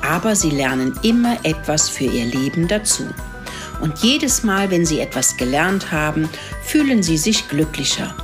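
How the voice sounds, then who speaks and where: An older woman narrating a children's story in a gentle, expressive reading manner. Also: low-pitched, normal speed, music in the background.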